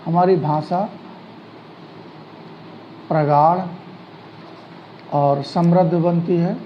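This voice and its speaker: Slow, deliberate male teacher. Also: fairly high pitch, steady tone, a little hiss or hum. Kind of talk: online grammar lesson. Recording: dull lo-fi sound with faint ambience.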